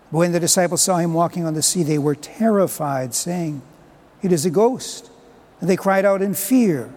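A man, a priest, reading the Gospel and preaching at Mass in a measured, solemn way, his voice carrying a cathedral echo. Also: on the high side, warm tone. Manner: measured, solemn liturgical delivery. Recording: long church reverb.

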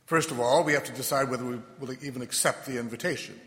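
A man delivers a thoughtful homily at a medium pitch. He moves through short, deliberate phrases and pauses between them. His voice rings with the long reverb of a big church. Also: fairly bright tone. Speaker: preacher. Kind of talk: reflective homily.

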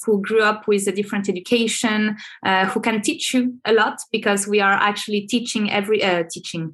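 A woman's voice: mid-range voice, fairly bright tone. A woman being interviewed over a video call, talking casually with many fillers and restarts. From Venezuela. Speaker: guest, marketing manager. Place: home in Paris.

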